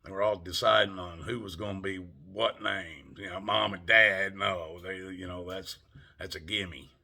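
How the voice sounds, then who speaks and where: Talking a little slowly in a low, steady voice with a sharp edge, an older Southern US man vlogs straight to camera. It's a casual, rambling monologue with a folksy, salty flavor.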